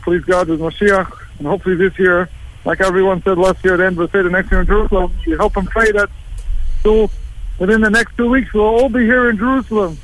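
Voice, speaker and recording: A man from England, a rabbi, speaking as a guest in a live radio interview, relaxed and plain-spoken, sometimes halting. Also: high voice, rough recording. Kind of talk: interview by phone, live remote.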